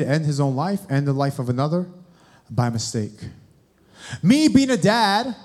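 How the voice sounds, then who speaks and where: A young man preaching a sermon, addressing the congregation directly with questions. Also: high voice. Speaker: guest preacher.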